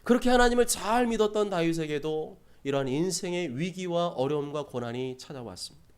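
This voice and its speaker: A man's voice: high-pitched, a little mellow, clean tone. A man preaching a sermon as a pastor, conversational and emphatic, with repeated phrases and rhetorical questions to the congregation.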